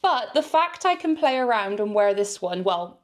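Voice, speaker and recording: A young British woman from the UK, a fashion vlogger chatting candidly through a try-on haul review with quick asides. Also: medium pitch, sing-song.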